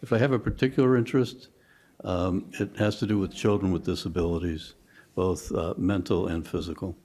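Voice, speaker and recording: A man with a low, deep voice introduces himself as a commission member. His delivery at the public meeting is deliberate, with pauses between phrases. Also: steady tone, darkish tone.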